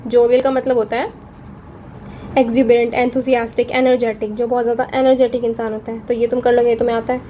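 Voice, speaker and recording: A young woman with a slightly high, mellow voice speaks fast in a level tone, with a little hiss or hum on the recording. She teaches vocabulary in a relaxed Hinglish lesson, chatting away and checking in with students through frequent "theek hai".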